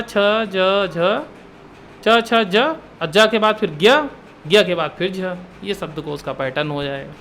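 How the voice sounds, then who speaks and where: High-voiced man teaching Hindi grammar. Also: fairly bright tone, smooth. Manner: asks questions then answers them himself; repeats key terms for drilling. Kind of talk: exam-prep lesson.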